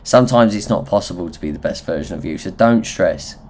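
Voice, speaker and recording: This Essex man's low, nasal voice comes across as expressive and brisk while he hosts his informal solo motivational podcast. He speaks candidly, swears freely and pokes fun at himself.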